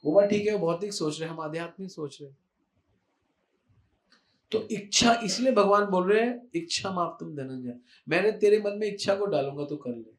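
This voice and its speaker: Man preaching, high-pitched, emphatic, echoey room. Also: moderate pace. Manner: animated, emphatic, repeats key words, mixes in English. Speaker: spiritual speaker. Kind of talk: devotional talk.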